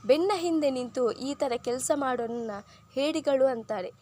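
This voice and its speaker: Brief: woman reading a sneering, defiant male tycoon, high voice, contemptuous. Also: moderate pace, darkish tone, a little hiss or hum, close to an everyday voice. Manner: mocking, contemptuous. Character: arrogant defiant young businessman, taunting rival.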